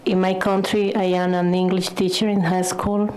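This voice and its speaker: A woman introduces herself as a high school English teacher. She speaks in a low, fairly level voice with a steady, sincere manner. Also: moderate pace, rough recording. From Dominican Republic. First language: Spanish. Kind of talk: formal self-introduction.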